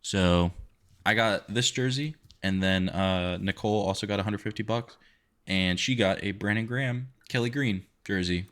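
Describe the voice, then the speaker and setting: Deep-voiced goofy male podcast co-host. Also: normal speed, fairly bright tone. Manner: goofy, joking banter. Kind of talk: casual chat.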